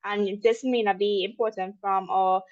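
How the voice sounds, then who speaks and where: A young woman with a Trinidadian accent talks through a webinar presentation in a loose, conversational way, full of ums and small asides. Her voice sits at a middle pitch. The sound is dry and a little dull, like an online call. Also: steady tone, moderate pace, no room sound. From Trinidad and Tobago. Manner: chatty, with frequent ums and asides. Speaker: webinar speaker.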